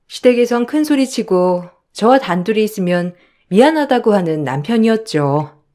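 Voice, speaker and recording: A woman's voice: mid-range voice, darkish tone. Woman narrating a personal story.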